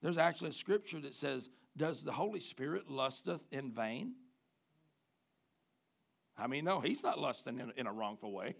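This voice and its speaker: A man preaching a sermon, swinging from loud emphatic rises to quiet low drops. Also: animated, moderate pace, vocal fry. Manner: preaching with sudden loud rises and soft drops, mimicking guys. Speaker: pastor.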